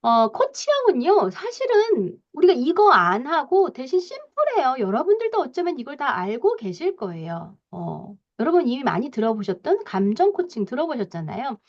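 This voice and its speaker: A woman parenting coach giving a lecture, talking in a lively way with frequent soft fillers and acting out parents' lines as she explains. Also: high-pitched, normal speed, hardly any pauses, dull audio.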